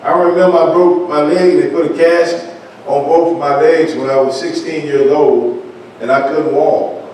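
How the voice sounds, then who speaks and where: A man's voice: on the high side, fairly even intonation, moderate pace, warm tone. An older man, an assistant pastor, preaching a sermon with call-and-response and folksy asides, recorded in a church sanctuary. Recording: echoey church room from far off, noisy.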